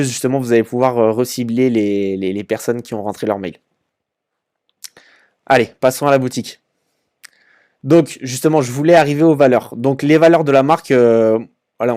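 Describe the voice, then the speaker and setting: A young man talks casually as he walks through a website on screen, stumbling over repeated words and fillers. His voice sits at an ordinary middle pitch, and he sounds informal and conversational. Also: a little mellow. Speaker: e-commerce channel host. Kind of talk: casual screen-share commentary.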